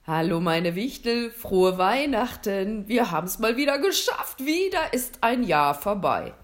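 A woman voicing a jolly, excitable, giant Santa Claus in a read-aloud storybook, loud and playful. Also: medium pitch, measured pace.

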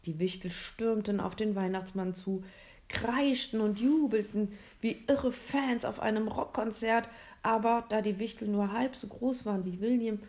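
A woman reading a children's Christmas story aloud, expressive and dramatic, with casual asides. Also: medium pitch.

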